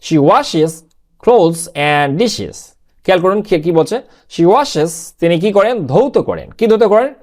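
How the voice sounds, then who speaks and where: A teacher walks through a translation lesson with a voice that swings high and low, posing questions and answering them straight away. English phrases come out slow and spaced, word by word. Each rule gets patiently repeated. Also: lively intonation, darkish tone. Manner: asks and answers own questions; repetitive, patient explaining. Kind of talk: classroom-style translation lesson.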